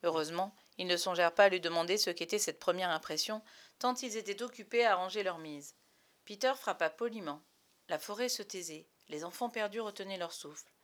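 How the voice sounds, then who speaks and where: A woman reading a children's story aloud with a lively, expressive delivery. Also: lowish voice, fairly quick.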